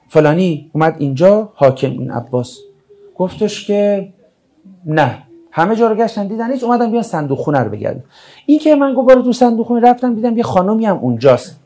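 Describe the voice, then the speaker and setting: A man's voice: high voice, warm tone. A man giving a colloquial religious talk, retelling a story in a conversational way and acting out the dialogue. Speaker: religious speaker.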